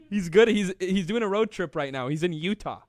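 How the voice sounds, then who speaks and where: Hosting a live stream, this young man rambles cheerfully, laughing a lot in a relaxed, playful chat. His voice is slightly high yet darkish in tone, moving with lively intonation at an ordinary pace, recorded close and dry without any echo.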